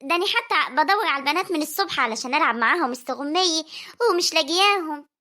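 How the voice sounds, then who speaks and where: Performer doing a playful Egyptian village auntie, very high and quick, bright and teasing. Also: animated. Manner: cheerful, teasing, coaxing. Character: playful doting village aunt. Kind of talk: homemade family drama voice acting.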